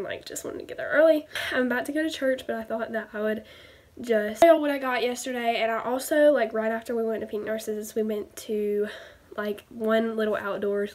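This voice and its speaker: A teenage girl with a Southern American accent, chatting casually through a haul vlog from her bedroom, filling every sentence with "like". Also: a little high. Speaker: vlogger. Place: bedroom, indoors. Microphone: webcam at desk distance.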